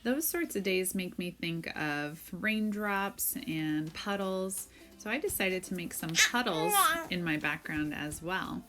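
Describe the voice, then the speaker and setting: Over background music, a woman art teacher walks children through a craft tutorial in simple, step-by-step terms. She has a fairly low, animated voice, takes it slowly, and hardly pauses.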